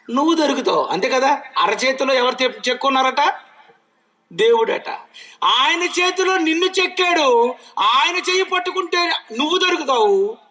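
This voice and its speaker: A man preaching a sermon, throwing questions at his listeners and moving from loud calls to low asides. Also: rough recording.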